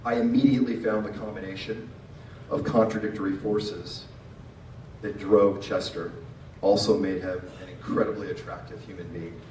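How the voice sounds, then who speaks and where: A middle-aged man speaks at a funeral in a fairly low voice, giving a tender, informal eulogy. His delivery falters, with pauses and repeated words. He is heard at a distance from the microphone in an echoey space, with clear background noise. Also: little pitch movement, darkish tone. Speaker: eulogist, friend of the deceased.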